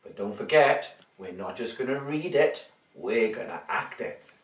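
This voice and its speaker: A woman presenting an interactive story for young children like an overbright party host, with exaggerated excitement and sing-song lines. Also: extremely low pitch, a little slow. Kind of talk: interactive picture-book reading for young children. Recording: roomy echo, distant from the mic.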